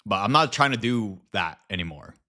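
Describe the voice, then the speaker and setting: Low-voiced man casually chatting on livestream. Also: expressive, normal speed, pushed and bright. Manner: informal slang, swearing. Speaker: live streamer and video creator. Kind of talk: casual livestream chat, reading viewer messages aloud.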